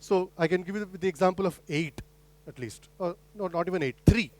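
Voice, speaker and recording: A man's voice: high voice, brisk, darkish tone. A middle-aged man giving an academic lecture, explaining step by step with rhetorical questions and frequent restarts. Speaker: guest lecturer.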